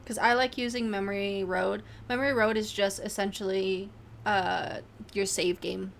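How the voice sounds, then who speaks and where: A woman's voice: medium pitch, steady tone, normal speed, vocal fry, slight background noise. A woman streamer casually reading game menu text aloud, with fillers and small asides.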